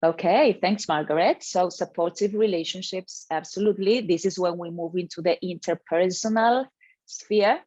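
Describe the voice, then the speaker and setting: A woman's voice: fairly low pitch, normal speed, a little mellow, dry recording, dull audio. A woman presenting an educational webinar to teachers over a video call, earnest and emphatic, reading participants' names from the chat.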